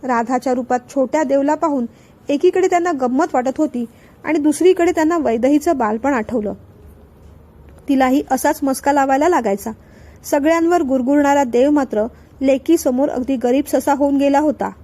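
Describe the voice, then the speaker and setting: Woman narrator for a family story audiobook, high pitch, mellow tone. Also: moderate pace. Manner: steady expressive narration. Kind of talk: reading a family novel aloud.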